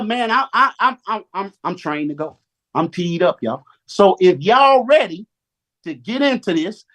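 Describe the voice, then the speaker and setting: Man, preacher-style talk, video call, slang-heavy, call-and-response, animated. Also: high-pitched. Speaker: speaker on a Zoom call.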